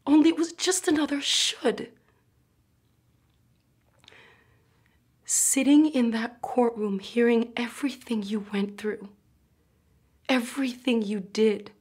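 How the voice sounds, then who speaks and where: A young woman acting a tragic, sorrowful, guilt-ridden mother in a dramatic monologue, with halting delivery. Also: a little high, husky. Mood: earnest, pained. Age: young adult. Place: indoor studio with plain backdrop.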